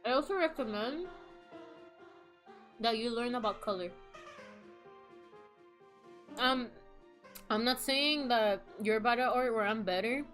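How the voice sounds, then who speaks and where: A woman's voice: on the high side, unhurried, long pauses, fairly bright tone. A young adult woman live streamer chatting casually in a rambling, self-deprecating, slangy way. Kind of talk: casual livestream chat. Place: indoors, solo at a computer on a voice call setup. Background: background music.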